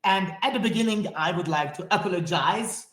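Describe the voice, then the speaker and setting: With a high, fairly bright voice and a brisk pace, a Hungarian man delivers a friendly, enthusiastic online webinar, speaking straight to viewers in his native Hungarian accent. The room is echoey.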